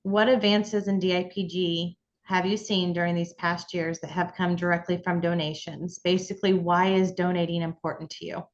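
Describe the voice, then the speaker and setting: A woman interviewing a guest for a charity fundraiser, gentle and affirming. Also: fairly low pitch, level tone, moderate pace, hardly any pauses, highs cut off. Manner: gentle, affirming, with short yeahs. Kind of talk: interview questions.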